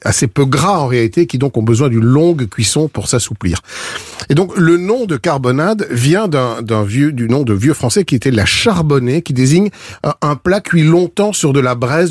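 A man's voice: mid-range voice, expressive, normal speed, slightly rough, no echo. A man from Belgium giving a chatty, explanatory cooking segment on a studio radio show. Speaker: food columnist. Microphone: studio microphone.

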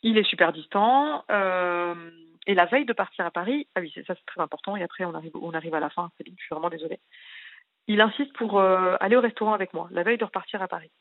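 This woman phones a radio program in distress, pouring out a lengthy, rambling story crammed with details. She's a fast talker with a lowish voice, and the recording is dry and tinny like a phone line.

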